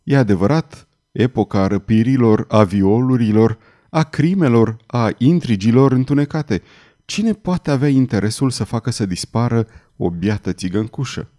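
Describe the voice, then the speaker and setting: A man's voice: medium pitch, dark tone, close to an everyday voice. A man reading an audiobook, voicing a brooding, vengeful swordsman with a stern, menacing delivery.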